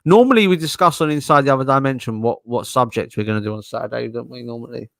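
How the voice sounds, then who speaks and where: A man's voice: medium pitch, fast talker, gravelly, no room sound. A man hosting a casual podcast chat, laughing often as he rambles. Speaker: podcast host.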